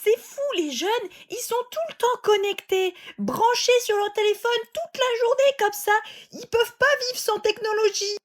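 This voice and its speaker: A woman voicing a grumbling grandmother who complains about young people and their phones, drawn-out and preachy. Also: extremely high pitch, animated, pitched above the performer's own voice. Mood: disapproving. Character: grumbling old grandma scolding youth.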